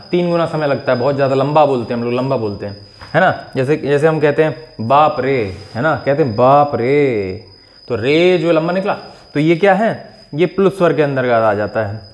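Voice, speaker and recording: A man teaching an exam-prep grammar lesson, explaining patiently, checking in often and stretching out vowel sounds to demonstrate them. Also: fairly high pitch. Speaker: Hindi teacher.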